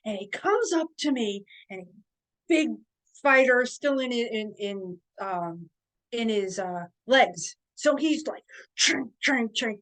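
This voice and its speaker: A woman guest on a podcast who talks slowly and haltingly, often pausing to search for words. Her voice sits a little higher than most. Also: lively intonation, low-quality recording. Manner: hesitant, with many fillers and restarts. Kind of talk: casual interview chat.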